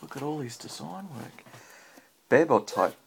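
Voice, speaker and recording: A man reads a children's storybook aloud to his child as a father, chatting in between and asking encouraging questions. His voice is gravelly and medium-pitched, with lively intonation and a measured pace. The clip is a home phone recording, handheld, with faint background noise.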